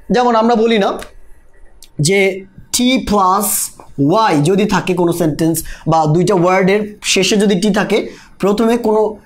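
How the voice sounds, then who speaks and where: A teacher giving a live online spoken-English lesson. The teacher keeps quizzing the class and repeats each example slowly. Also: mid-range voice.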